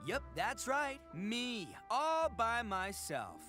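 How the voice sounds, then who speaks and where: A man's voice: extremely high pitch, big pitch swings, slow pace, pushed and bright, heavily acted. A man voicing a boastful, goofy horned gang leader in a video game, with swaggering, stammering bravado. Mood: defiant. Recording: game audio with music behind.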